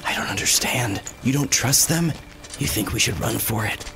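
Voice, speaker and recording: A man voicing a wary young companion who talks in a hushed, halting way. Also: mid-range voice, creaky, noisy background, lightly acted. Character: wary young male companion, whispering soldier. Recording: music behind.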